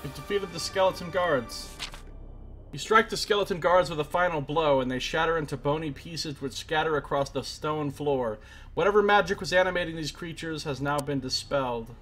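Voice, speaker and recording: A game streamer with a fairly high, slightly bright voice reads game text aloud in a theatrical, storybook style during a let's play, reacting casually along the way. He keeps a moderate pace, with faint music and background noise behind him.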